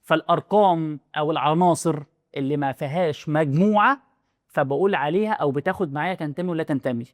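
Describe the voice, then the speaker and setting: A man's voice: on the high side, no echo, clean studio sound. A young man with an Egyptian Arabic accent explaining a math lesson in a casual, chatty way, often checking whether the student follows. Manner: rapid, chatty, asks the student rhetorical questions. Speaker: math teacher.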